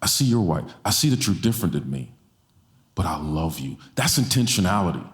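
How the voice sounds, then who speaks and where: In a roomy church hall, a guest speaker in his forties talks with passion, handheld mic in hand, repeating lines to drive them home. He speaks a little fast in a low, sing-song voice.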